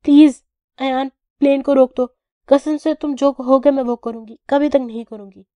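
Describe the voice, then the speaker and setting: A woman's voice: darkish tone, no echo, lo-fi sound, close to an everyday voice. A woman reading an audio novel, voicing a brave but childish young woman who is scared of flying, whiny and pleading. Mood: panicked. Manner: whiny, pleading, raised and pitched up.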